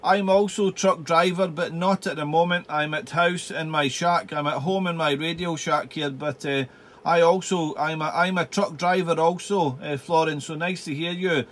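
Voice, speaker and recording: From a home radio room, a male amateur radio operator hosting the channel makes a casual contact. His fairly high, fairly bright voice holds a steady tone at a moderate pace, and he repeats phrases, uses call-sign lingo, and spells out with the phonetic alphabet.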